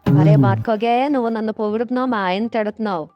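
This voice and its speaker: A woman voicing a sharp-tongued married nurse and tiffin seller in a cartoon. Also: fairly high pitch, no room sound, dull audio, soft background music, natural voice. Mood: scolding. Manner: quick, scolding retorts.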